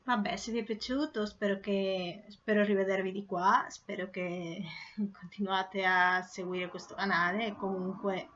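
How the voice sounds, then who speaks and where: A woman's voice: medium pitch, fairly even intonation, measured pace, a bit bright, a little hiss or hum. A woman hosting her own channel in an informal, slightly hesitant and self-effacing way. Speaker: video channel host. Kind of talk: casual vlog talk and poem recital. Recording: dull lo-fi sound.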